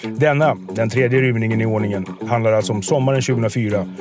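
A man narrating a scripted, measured introduction. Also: on the low side. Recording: narration over loud music. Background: loud music.

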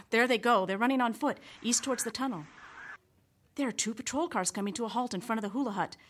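A woman playing an excitable amateur camerawoman in a sitcom radio play, talking in breathless running commentary. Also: a little high, quick pace, lightly acted. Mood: excited commentary. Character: excitable woman filming a stakeout.

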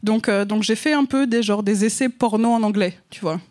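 A woman's voice: mid-range voice, a little fast, a little mellow. A woman writer with a French accent, guesting in a casual chat, hesitant and self-mocking, with many fillers.

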